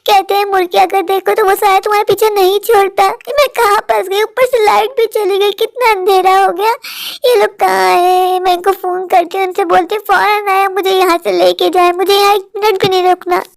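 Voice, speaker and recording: A woman's voice: extremely high pitch, flat delivery, a little fast, gravelly. Fretful cartoon mother. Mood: fearful. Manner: fretful, talking to herself. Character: worried young mother alone in a haunted house.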